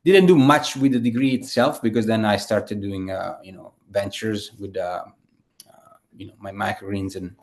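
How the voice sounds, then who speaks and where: A man's voice: on the low side, moderate pace. Man chatting with many fillers. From Italy. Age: 30s. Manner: rambling, many fillers and restarts. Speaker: guest. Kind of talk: casual conversational interview.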